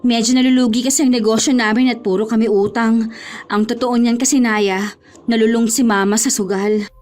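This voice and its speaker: A woman's voice: on the high side, steady tone, a little fast, a little mellow, lightly acted. A woman playing a worried, stammering young woman. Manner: worried, stammers when nervous. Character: anxious young woman in debt, pleading. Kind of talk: Tagalog horror audio drama.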